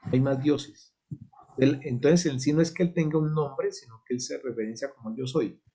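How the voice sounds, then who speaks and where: A man's voice: medium pitch, normal speed, warm tone, slightly rough. Colombian man teaching a Bible class. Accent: Colombian Spanish. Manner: explanatory, asks "¿sí?" to check understanding. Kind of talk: church Bible study lesson.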